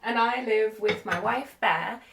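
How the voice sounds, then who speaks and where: A woman's voice: on the high side, measured pace, vocal fry, background noise. A woman hosting her own show in casual, chatty talk, filming herself on a phone camera inside an old cottage. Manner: chatty, animated, self-deprecating. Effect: recorded on a phone camera. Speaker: podcast host. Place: room in an old country cottage, indoors. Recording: echoey room on a phone.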